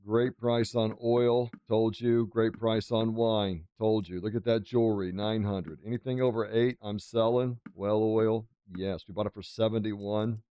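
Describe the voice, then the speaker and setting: A man's voice: on the low side, fairly even intonation, measured pace, few pauses, clear, resonant tone, no room sound, highs cut off. A man giving casual, exclamatory commentary over a video game playthrough, with a playfully boastful manner. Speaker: gaming video host.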